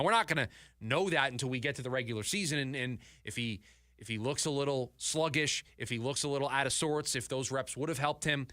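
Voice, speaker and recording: A male sports radio host chatting in the studio, animated and repeating words when he gets emphatic. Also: fairly high pitch, dry recording. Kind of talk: sports talk radio chat. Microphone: studio mic.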